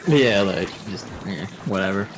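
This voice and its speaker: A man's voice: low voice, lively intonation, normal speed. A man co-hosting a casual gaming chat, rambling and sarcastic, swearing often as he plays. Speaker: co-host. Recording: game music playing behind.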